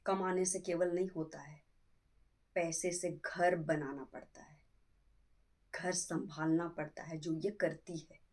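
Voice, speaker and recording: A woman's voice: fairly low pitch, steady tone, takes it slowly, a little mellow. A woman playing a middle-aged mother-in-law in a family skit, scolding her son and defending her daughter-in-law. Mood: lecturing. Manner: scolding, lecturing, emphatic.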